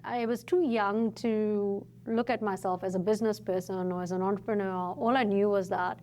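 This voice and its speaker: A woman's voice: medium pitch, fairly even intonation, mellow, slight background noise. Reflective woman from Fiji, guest. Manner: reflective, storytelling, thoughtful pauses. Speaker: entrepreneur guest. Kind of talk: casual podcast interview.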